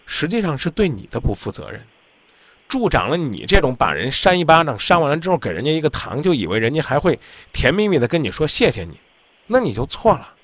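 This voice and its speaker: A man's voice: on the high side, very animated, a little fast, fairly bright tone, dry recording. A man hosting a radio call-in advice show, talking bluntly and insistently, lecturing the caller.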